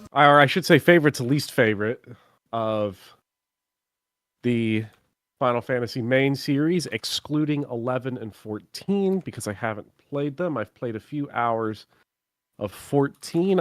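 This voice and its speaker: A man's voice: medium pitch, dry recording. Chatty man rambling about games. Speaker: guest co-player. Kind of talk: casual let's-play chat. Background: game music.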